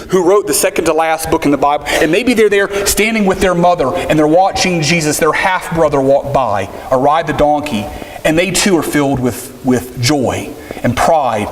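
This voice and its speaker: A male pastor preaching a sermon, retelling Bible scenes vividly and calling out the crowd's cries in a raised voice. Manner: storytelling, voices crowd cries with rising pitch. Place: church sanctuary. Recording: hissy recording with long hall reverb.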